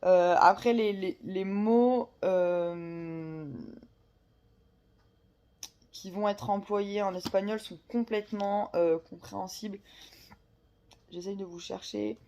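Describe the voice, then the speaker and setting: A woman's voice: mid-range voice, fairly even intonation, slow pace, pauses often, darkish tone. A woman chatting casually about a book she is reading, hesitant, with many fillers and restarts. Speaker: book vlogger. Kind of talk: casual chat about books.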